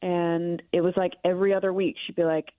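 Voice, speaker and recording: A woman's voice: lowish voice, level tone, fairly quick, no echo. A woman heard over speakerphone on a radio show, talking reluctantly and uneasily about an awkward matter with a friend. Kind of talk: phone call on a morning radio show. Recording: tinny phone line.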